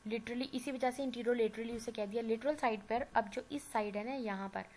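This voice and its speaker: In this classroom recording, a woman with a sore throat teaches anatomy, speaking at normal speed in a slightly high, steady, somewhat dark voice. Her explanations are patient and sprinkled with English medical terms, and she often asks "theek hai" to check on her students. Faint background noise accompanies the poor-quality audio.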